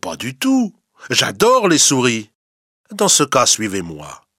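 Guy putting on a sneaky trickster fox, honeyed and mocking, bit higher than his normal voice, bright and dry. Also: wildly swooping pitch, slow, slightly rough, dry recording, heavily acted. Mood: sly. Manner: honeyed, mocking, sometimes hissing low. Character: sly scheming male fox trickster. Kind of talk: storybook reading.

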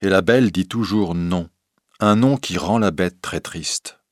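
A male narrator reads a fairy tale in a slow, measured way. His voice sits a little low, with a husky texture and lively swings in pitch. The recording is close and dry. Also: dry recording. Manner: slow, clear, measured reading. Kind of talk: storybook reading.

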